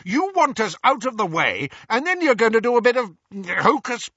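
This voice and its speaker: A man voicing a blustering, paranoid middle-aged uncle who shouts and shrieks in a raised, strained voice. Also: huge pitch swings, measured pace, husky, no room sound, highs cut off, heavily acted. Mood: shrieking. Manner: shouting, shrill when enraged.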